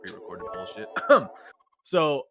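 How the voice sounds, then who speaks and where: A man in his twenties co-hosting a podcast in casual chat, an animated storyteller who laughs often and swears casually. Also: mid-range voice, slow, faint music behind. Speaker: podcast co-host.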